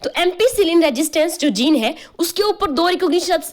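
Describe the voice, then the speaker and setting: A woman's voice: very high voice, expressive, fairly quick. A woman teaching a biology class. She explains step by step, spells terms out letter by letter and keeps checking whether the students have followed. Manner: explains step by step, often asks "clear?" and "okay?"; spells out terms letter by letter, uses playful memory tricks. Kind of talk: online class lecture.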